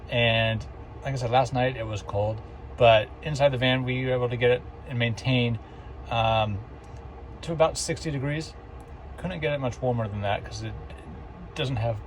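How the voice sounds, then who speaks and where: A man's voice: mid-range voice, moderate pace, rough recording. A man chatting casually for a travel vlog inside a camper van, plain and matter-of-fact. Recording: steady noise, vehicle ambience.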